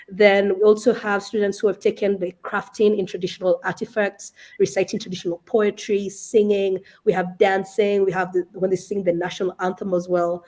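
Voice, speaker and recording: A woman with a mellow, warm tone gives a spoken presentation about her school. She talks with earnest enthusiasm. She sometimes restarts a phrase as she searches for words. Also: mid-range voice.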